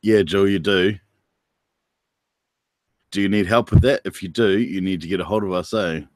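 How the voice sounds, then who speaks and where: A man's voice: low-pitched, fairly even intonation, normal speed, no echo, studio quality. A man with a New Zealand accent hosting a casual livestream, teasing and chatting with viewers by name. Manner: laid-back, teasing, chats to viewers by name. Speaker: livestream host.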